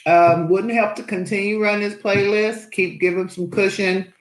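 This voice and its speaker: A woman's voice: mid-range voice, fairly even intonation, normal speed, echoey room, rough recording. A woman hosting an aquarium channel in casual live-stream chat, cheerful and chatty as she greets viewers.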